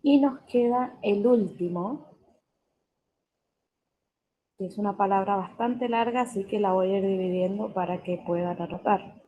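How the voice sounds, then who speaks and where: A woman teaching an English class, saying each new word slowly and carefully and repeating it so students can write it down. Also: medium pitch, highs cut off. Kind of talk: classroom vocabulary lesson.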